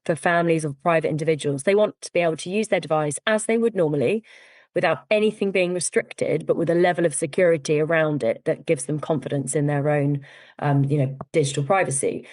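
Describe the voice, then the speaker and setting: Woman, low-pitched, steady founder-guest explaining patiently; dry, close sound. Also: no echo. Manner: measured, explanatory, frequent "um" and "you know". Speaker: cyber security firm founder, guest. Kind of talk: podcast interview.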